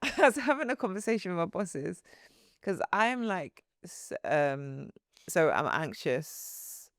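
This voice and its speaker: A woman co-hosts a podcast in casual chat, rambling, losing her train of thought, restarting sentences, and often giggling. Her fairly low voice is very animated but slow-paced. The studio sound is clean, with no echo.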